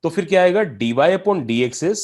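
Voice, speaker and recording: Guy teaching math, slightly high voice that jumps around a lot, keeps asking the class stuff. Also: lively intonation, moderate pace, darkish tone. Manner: explains step by step, asking students questions; mixes in English math terms. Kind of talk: classroom lecture on calculus.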